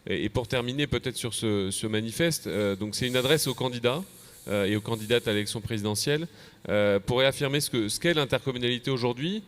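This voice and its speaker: A mid-range male voice with a French accent, from a man from France, presents at a convention plenary session. Acting as an association official, he gives a semi-prepared talk, hesitating and repeating words along the way.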